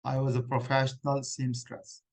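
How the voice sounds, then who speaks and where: Man voicing a distressed woman claimant, halting, flat monotone, mock hearing role-play. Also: mid-range voice, creaky, poor audio. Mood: earnest. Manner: halting, many restarts. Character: middle-aged woman refugee claimant, distressed.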